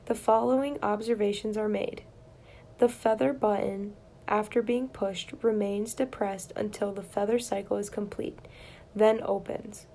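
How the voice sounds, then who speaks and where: Woman, study-guide reader, plain steady delivery, gravelly fry, warm dark tone. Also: medium pitch, a little hiss or hum. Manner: steady, plain reading with spelled-out abbreviations. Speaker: reader of exam study questions. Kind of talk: reading test questions aloud.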